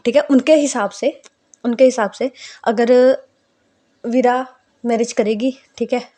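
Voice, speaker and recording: Chatty female storyteller, relaxed narration with a slightly high voice. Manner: chatty, keeps checking in with the listener.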